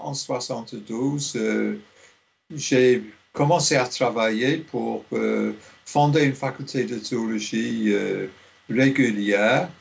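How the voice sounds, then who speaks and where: Slow, gravelly older Englishman. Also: mid-range voice. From Liverpool, England. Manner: slow, halting, many fillers. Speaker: theology professor, guest. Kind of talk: radio interview.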